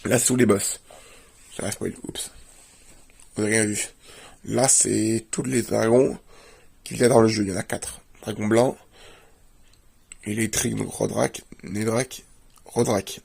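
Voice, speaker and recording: A man's voice: lowish voice, fairly even intonation, unhurried, creaky, pauses often, a little mellow, slightly rough. A man, a video creator, doing a casual show-and-tell and plainly listing items one after another. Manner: plainly lists items while leafing through a book.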